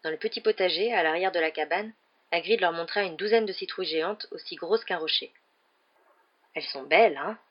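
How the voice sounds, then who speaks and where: A woman narrating a children's novel aloud in a steady, measured storytelling voice, with a dull lo-fi sound. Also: fairly low pitch. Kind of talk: audiobook narration.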